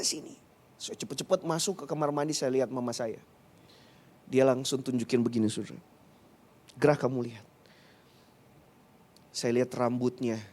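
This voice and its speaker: A man's voice: mid-range voice, darkish tone. A male pastor preaching a sermon, telling a personal story in an earnest, emotional way and often addressing the congregation directly.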